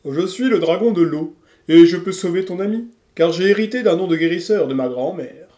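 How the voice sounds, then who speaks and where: A man voicing a gentle giant dragon. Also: high-pitched, echoey room, lightly acted. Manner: soft and kind, slow chanting spells. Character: gentle blue crystal dragon, male, huge, kind healer. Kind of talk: storybook reading.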